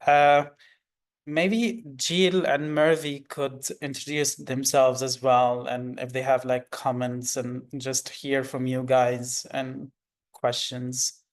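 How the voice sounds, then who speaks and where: A man's voice: mid-range voice, level tone, slow pace. A man moderating a festival masterclass over a video call, apologizing for an absent colleague and handing over to the guests. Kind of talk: hosting an online panel.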